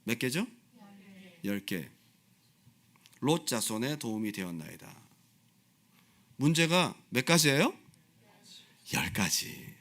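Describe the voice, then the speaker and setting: Impassioned Korean-speaking male pastor, lively pitch. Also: takes it slowly, long pauses. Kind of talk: sermon. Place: church sanctuary.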